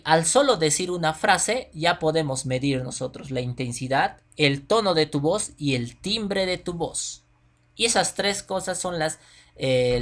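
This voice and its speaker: A man's voice: fairly high pitch, a bit bright. A man teaching a video lesson to children. He speaks directly to the pupil, uses simple everyday examples and often checks that they follow. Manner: checks in with the listener often, asking "ya?".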